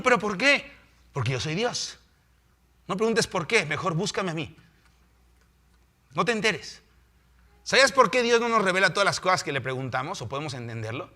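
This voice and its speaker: Animated Mexican preacher, bright and lively. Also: male voice, on the high side. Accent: Mexican Spanish. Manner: animated, acts out biblical figures in quick voices. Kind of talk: sermon. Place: house of prayer.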